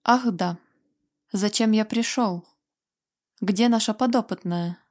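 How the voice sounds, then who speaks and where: A cold, unflappable man who talks in a calm, dry and mocking way, read by a woman narrator. The voice stays close to the reader's own, in a storybook reading. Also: medium pitch, slow pace. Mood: cool, mocking. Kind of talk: audiobook character reading.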